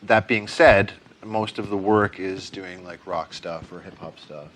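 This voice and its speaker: Relaxed low-voiced male drummer. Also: a little slow, rough recording. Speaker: guest, session drummer. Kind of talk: casual interview. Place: recording studio.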